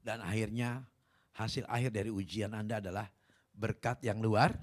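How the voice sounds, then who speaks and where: A male pastor preaching a sermon, animated, often calling out to the congregation for claps and agreement. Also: lowish voice, moderate pace.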